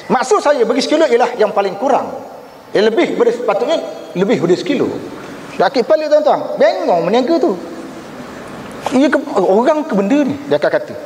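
A Malaysian man giving a religious seminar lecture, telling stories with acted-out quoted voices and often addressing the audience directly. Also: extremely high pitch. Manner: animated storytelling, acts out quoted voices, addresses audience as tuan-tuan. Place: seminar hall. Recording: echoey hall, faint room noise.

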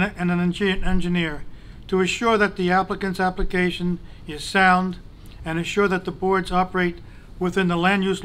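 Into a desk microphone in a big council chamber, the council president delivers a formal, prepared statement that measuredly criticizes its target. His voice sits high and a bit bright, and faint hiss or hum can be heard.

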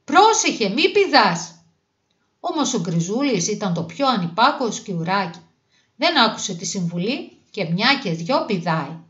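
A woman reading a children's fairy tale aloud in a gentle, even storybook manner. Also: medium pitch. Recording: dull lo-fi recording.

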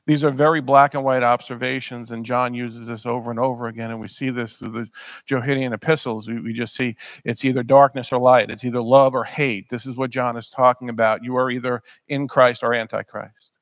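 A man in his thirties preaches from a church pulpit in a medium-pitched, fairly flat voice, moving fairly quickly. He is earnest and emphatic, repeating words to drive his points home, and there's no room sound.

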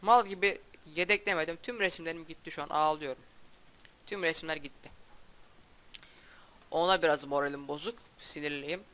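A young man chats over his gameplay in a halting, stop-start way, restarting words and trailing off. His voice sits a little high and sounds bright and very clean. The delivery stays flat and subdued throughout. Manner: halting, stumbling speech with restarts. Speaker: gaming YouTuber. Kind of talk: casual gameplay commentary.

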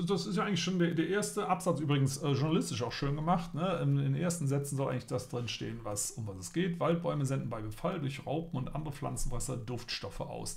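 Seen on video in an indoor room, this middle-aged co-host of a casual live stream jokes and chats while reading out headlines. He speaks at a medium pitch with a gravelly voice.

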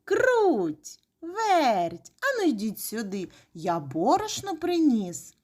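A hardworking, cheerful little rooster from a storybook tale, as a woman puts him on. His calls jump high and loud, with a lively, swinging pitch. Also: takes it slowly, heavily acted. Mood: calling.

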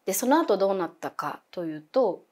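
A woman's voice: medium pitch, sing-song, a little fast, darkish tone. A young adult woman telling a ghost story as a guest, dramatic, dropping to whispers and acting out voices.

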